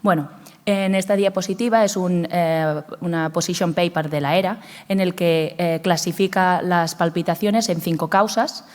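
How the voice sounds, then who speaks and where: Woman, Spanish accent, low voice, slightly congested from a cold, hesitant conference speaker, echoing hall. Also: fairly even intonation, moderate pace, darkish tone. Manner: hesitant, many fillers. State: has a cold. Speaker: cardiologist speaker. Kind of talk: medical conference talk. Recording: long hall reverb.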